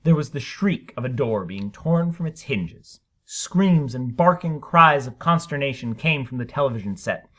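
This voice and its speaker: A man gives a dramatic reading of a short story, theatrical and emphatic, with deliberate phrasing. His voice is a little high and a bit bright.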